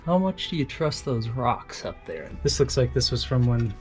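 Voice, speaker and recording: A man of medium pitch hosts an exploring vlog in a loose, slangy way. He jokes and exclaims as he goes, with music clearly playing behind him. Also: very animated, normal speed. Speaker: vlog host. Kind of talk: casual exploring vlog chat.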